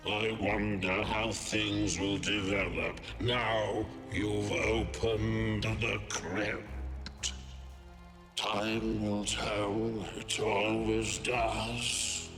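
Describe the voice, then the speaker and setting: A reverberant, low voice over music: a cryptic game mentor. He speaks extremely slowly, with measured, sardonic knowingness. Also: little pitch movement. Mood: knowing, sardonic. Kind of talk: scripted game dialogue. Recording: roomy, long reverb, music behind.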